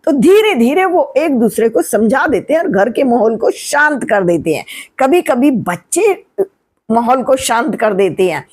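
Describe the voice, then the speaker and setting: Woman, 60s, retired schoolteacher type, high and breathy, patient explainer. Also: sing-song, a little slow, a little mellow. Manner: patient, teacherly, asks and answers her own questions. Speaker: retired teacher giving advice. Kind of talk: explanatory family advice talk.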